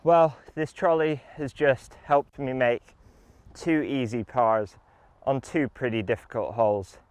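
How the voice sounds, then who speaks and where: A man's voice: medium pitch, unhurried, smooth, no room sound. A man giving an enthusiastic, casual product review while playing a round of golf outdoors. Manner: enthusiastic, upbeat.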